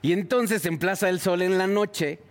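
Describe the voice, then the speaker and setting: A man's voice: high-pitched, moderate pace. A man with a Mexican accent telling bawdy jokes casually among friends, rambling and full of slang. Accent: Mexican Spanish. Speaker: joke teller.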